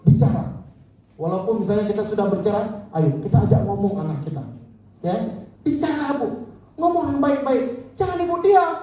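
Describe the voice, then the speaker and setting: A man's voice: high voice, warm tone. A male preacher giving a parenting seminar talk in a large hall, telling stories animatedly and acting out the dialogue. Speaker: Islamic preacher and parenting speaker. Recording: echoey hall from far off.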